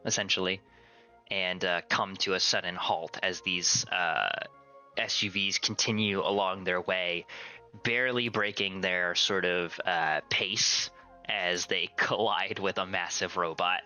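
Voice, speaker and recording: Guy running a tabletop rpg, really low but super bright voice, kinda halting and casual. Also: steady tone, clear, resonant tone, soft background music. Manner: casual, halting, searching for words. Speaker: game master. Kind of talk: improvised tabletop game narration.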